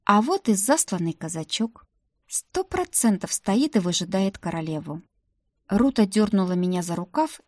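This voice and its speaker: A woman narrating a first-person fantasy audiobook in a wry, lively storytelling manner. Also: mid-range voice, no room sound, clean studio sound.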